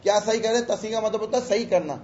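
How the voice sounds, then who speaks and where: High-voiced man lecturing in an echoey room. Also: a little mellow. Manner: reads Arabic phrases slowly, then explains casually; chatty, teasing asides to students. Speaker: teacher of religious law. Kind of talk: lecture explaining an Arabic text. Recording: echoey, dull room recording.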